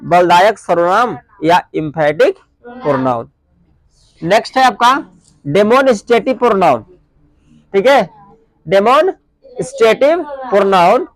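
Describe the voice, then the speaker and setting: Slow, drawn-out male grammar teacher. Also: sits high, sing-song, no echo. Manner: repeats questions and answers them himself, mixing Hindi and English; dictates definitions slowly word by word. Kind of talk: classroom grammar lesson.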